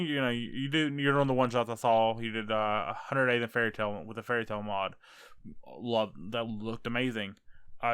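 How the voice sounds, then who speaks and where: A man's voice: medium pitch, fairly bright tone, clear, resonant tone, no room sound, studio quality. A young American man casually ranking fellow creators, rambling and joking as he goes. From United States. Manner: rambling, self-correcting, jokey. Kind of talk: casual tier-list commentary.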